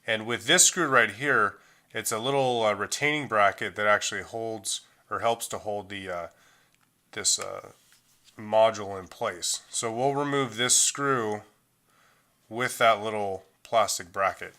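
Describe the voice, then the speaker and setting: At a workbench, a middle-aged man with a lowish voice walks through a phone repair step by step at a measured pace. His tutorial is casual and relaxed, delivered loosely with plenty of fillers.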